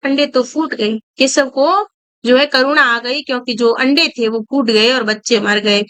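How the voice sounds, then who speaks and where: A woman's voice: fairly high pitch, steady tone, unhurried, bright, forceful tone, clear, resonant tone. A woman reading a story aloud to students and explaining each line in simple words. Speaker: Hindi teacher.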